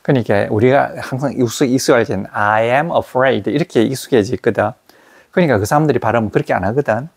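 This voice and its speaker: Gravelly man teaching English pronunciation. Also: mid-range voice. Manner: repeats English words slowly to model pronunciation. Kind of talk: classroom grammar lecture.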